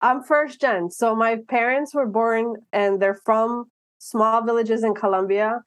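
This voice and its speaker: An earnest woman in her thirties from Miami, talking as an interview guest. She speaks in an animated way and keeps restarting her phrases. The recording is dry and close. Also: a little high, unhurried, dry recording. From Miami, United States. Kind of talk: casual interview conversation.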